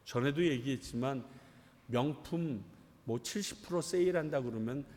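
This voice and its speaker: A man preaching a sermon as pastor, telling lively stories and acting out the voices of people in them. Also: mid-range voice, normal speed. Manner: animated storytelling, acting out voices in dialogue. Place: church sanctuary. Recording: long church reverb.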